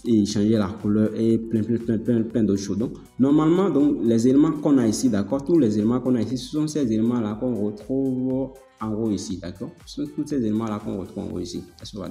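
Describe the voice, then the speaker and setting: A man hosting a casual software tutorial, talking it through step by step, repeating himself and checking in with his listeners. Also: on the low side. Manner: chatty, filler-heavy explaining. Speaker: tutorial host. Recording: echoey room, long reverb, faint music.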